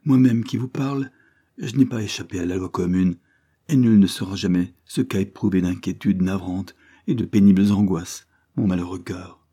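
A man's voice: low-pitched, normal speed, warm tone, breathy edge. A man reading aloud and voicing a noble young woman worn down by grief, sorrowful and bitter. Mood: grieving.

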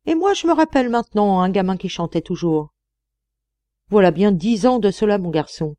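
A woman voicing an older male mining engineer, speaking in a measured, fatherly way. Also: medium pitch, expressive, dark tone, no echo, natural voice.

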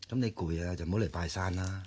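In a radio drama, a man plays an exasperated young renovation worker who is blunt and nagging but soft-hearted, speaking colloquial Hong Kong Cantonese in a teasing, wistful mood. His voice is deep and husky, with a quick pace.

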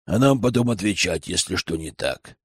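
A man voicing a grumpy, suspicious old male village elder who talks low, slow and grudging. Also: expressive, breathy edge, no room sound, clean studio sound, heavily acted.

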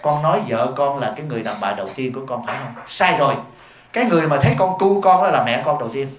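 Male Buddhist monk, rapid emphatic sermon delivery, recorded in an echoey hall. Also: mid-range voice, animated, slight background noise. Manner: blunt and emphatic, keeps questioning the audience. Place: hall before a live audience.

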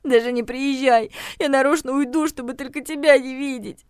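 A woman voicing a tearful, tipsy, jealous young woman who cries and accuses in a shrill voice, in a storybook reading. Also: steady tone, moderate pace, clean tone, dry recording, studio quality, lightly acted. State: crying.

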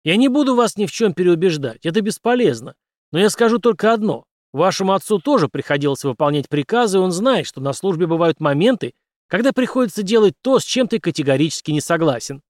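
A man voicing a gruff, hardened soldier captain who talks in curt, grim lines. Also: sits high, lively intonation, quick pace, no echo, clean studio sound, voice pushed up.

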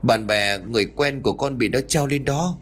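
A man's voice: mid-range voice, normal speed, slight background noise, natural voice. A man voicing a frightened young male apprentice exorcist who stammers anxiously, in an audiobook ghost story. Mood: panicked.

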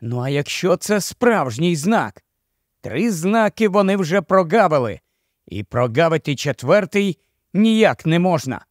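Expressive male audiobook narrator. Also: on the high side, a little slow, no echo, clean studio sound. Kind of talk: scripted narration.

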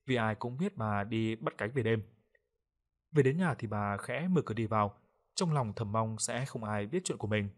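A man tells a scripted horror story, steady and grim in delivery. His voice sits low and has a husky, breathy grain.

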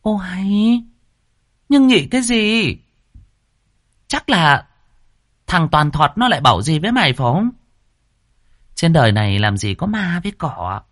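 Man plays a shrill, swooping lady of the house, coy but commanding, in a dry audiobook read. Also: very animated, fairly bright tone, no echo, exaggerated voice. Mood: bossy. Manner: coy and bossy, drawn-out. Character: scheming lustful middle-aged mistress.

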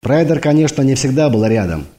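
A man's voice: medium pitch, animated, a little fast, warm tone. A man reading a novel aloud as an audiobook, narrating in an ironic tone. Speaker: audiobook reader. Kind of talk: scripted narration.

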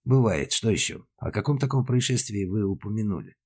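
A matter-of-fact police investigator asking short, businesslike questions, voiced by a male audiobook reader. Low and husky in tone. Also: lively intonation, brisk, darkish tone.

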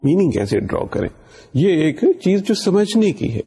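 A man's voice: sits high, big pitch swings, vocal fry, mellow, husky. A middle-aged man from Pakistan giving a university lecture, explaining patiently and slipping English phrases into his talk. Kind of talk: recorded lecture.

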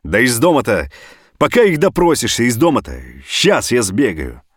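A man voicing a desperate middle-aged father who pleads and shouts down a phone. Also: mid-range voice, huge pitch swings, normal speed, no room sound, clean studio sound, voice pushed up. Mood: agitated.

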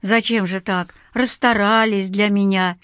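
A woman's voice: mid-range voice, steady tone, measured pace, a bit bright, clean tone, no room sound, clean studio sound, lightly acted. A woman voicing a naive, good-natured young village man who speaks earnestly.

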